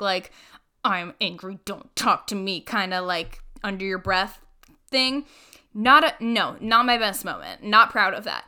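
A young woman in her twenties talks through a solo coaching podcast in a candid, chatty way, sprinkling in casual fillers. Her voice sits a little high and sounds bright and crisp, with a smooth, clear tone.

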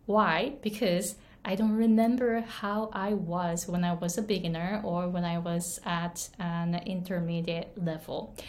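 Woman coach, talks slow and earnest, keeps rephrasing herself. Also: mid-range voice. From Japan. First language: Japanese. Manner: earnest, repeats and restates phrases, light laughs. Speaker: English pronunciation coach. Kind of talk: casual talk to camera.

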